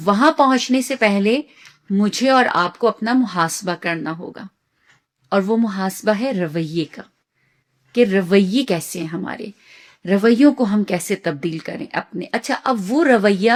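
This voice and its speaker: A woman who is a mother and teacher giving an earnest religious lecture, asking herself rhetorical questions. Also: mid-range voice. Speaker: Islamic teacher.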